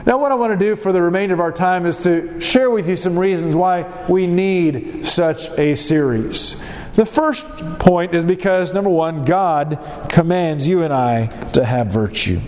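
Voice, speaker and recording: A man's voice: high voice, darkish tone. A man preaching a Bible lesson with a congested, pinched-nose sound from a cold, teaching emphatically with repetition and rhetorical questions. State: stuffed up with a cold. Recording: echoey hall, long reverb, faint background noise.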